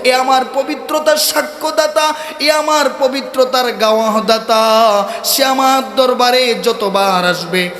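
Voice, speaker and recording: A man's voice: very high voice, unhurried. A preacher voicing a tearful prophet-king. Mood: tender, commanding. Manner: tearful and tender. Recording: echoey hall over loudspeakers.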